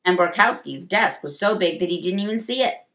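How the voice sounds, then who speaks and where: Lady librarian reading a kids' book out loud, lively, kinda low pitched. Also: a little fast. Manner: expressive, lively voices for dialogue. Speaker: children's librarian reading aloud. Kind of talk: storybook read-aloud.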